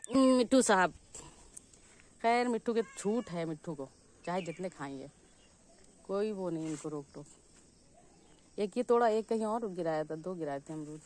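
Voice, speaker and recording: A woman's voice: lowish voice, normal speed, pauses often. A woman filming a casual gardening vlog in her home garden, chatting to the camera and calling out to her cat. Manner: chatty, calls excitedly to her cat, scolds it. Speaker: gardening vlogger.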